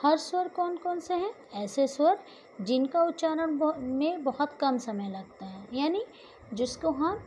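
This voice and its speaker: High-voiced woman teaching slowly. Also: expressive, darkish tone, a little hiss or hum, rough recording. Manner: asks questions and answers them herself, stretches out example sounds. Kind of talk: classroom grammar lesson.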